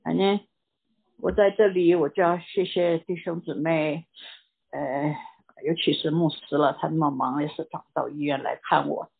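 An older woman giving a personal church testimony in a halting way, repeating words and dropping in English words. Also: low-pitched, fairly even intonation, vocal fry, husky. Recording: tinny phone-like recording.

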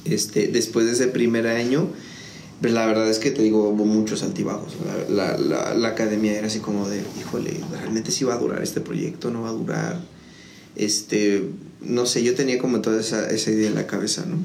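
A man's voice: fairly low pitch, steady tone, brisk, darkish tone. A man, a music school founder, telling his story in a casual interview with many fillers and restarts. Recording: echoey room with faint noise.

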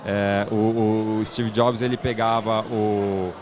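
A man's voice: fairly low pitch, flat delivery, takes it slowly, noisy background. A man with a Brazilian Portuguese accent giving informal, explanatory interview answers as a podcast guest, often tagging on little check questions. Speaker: podcast guest, startup investment platform founder.

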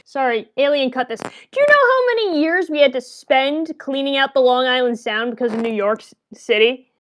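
A woman co-hosts a podcast in casual chat and teases the others. Her voice is high and bright. She stacks up fillers as she talks. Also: animated, normal speed. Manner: teasing, lots of fillers. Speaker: podcast co-host.

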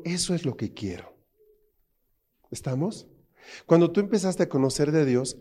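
Emphatic Spanish-speaking preacher. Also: male voice, mid-range voice, dark tone. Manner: emphatic, full of rhetorical questions to the congregation. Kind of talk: sermon.

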